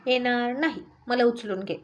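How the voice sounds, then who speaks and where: A woman's voice: a little high, normal speed, lo-fi sound, lightly acted. A woman reading a story aloud and voicing a spoiled, playful young wife with a pleading, sing-song manner. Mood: teasing.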